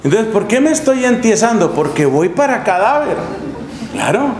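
A middle-aged man, a friar, preaching a sermon with lively, humorous storytelling in a monastery chapel. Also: high-pitched, moderate pace. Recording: echoey room, faint hum.

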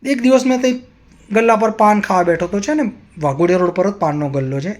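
A man's voice: high voice, brisk. A man vlogger telling a personal story in an earnest, moralizing way.

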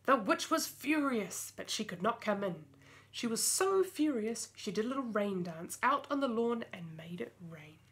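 A woman reading a children's picture book aloud, lively and expressive. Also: on the high side, moderate pace. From New Zealand. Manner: lively, expressive, voices the characters. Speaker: storyteller.

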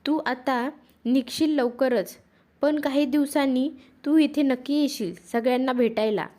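A woman voicing a kind young woman who gently comforts a tearful bride. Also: high-pitched, a little slow. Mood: soothing.

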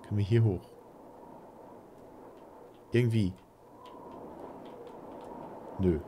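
A man's voice: fairly low pitch, fairly even intonation, very slow. A man in his thirties giving casual, musing game commentary, muttering to himself as a let's player. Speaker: let's player, gaming streamer. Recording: loud ambient game noise behind voice. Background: horror game ambience.

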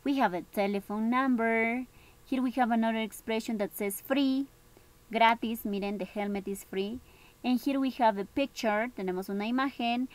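Bilingual woman teacher, high voice. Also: unhurried. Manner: switches between English and Spanish, repeating each phrase; encouraging, patient. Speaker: English teacher. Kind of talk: bilingual online class.

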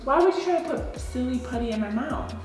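A woman co-hosting a casual challenge vlog, expressive and squeamish, laughing through complaints. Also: high voice, quick pace, reverberant, faint music behind. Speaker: vlog co-host.

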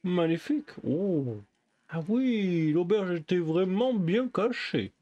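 A man's voice: sits high, lively intonation, slow, mellow, lo-fi sound. A man commenting on a game during a live stream, joking in a mock-pompous way and talking to the game's characters.

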